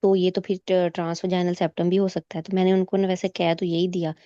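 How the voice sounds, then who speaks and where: A woman's voice: on the low side, quick pace, dry recording. Dull lo-fi call, woman recounting. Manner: animated retelling, quoting examiners and herself; mixes English medical terms into her talk. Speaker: exam candidate sharing her experience. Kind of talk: casual storytelling in a recorded meet.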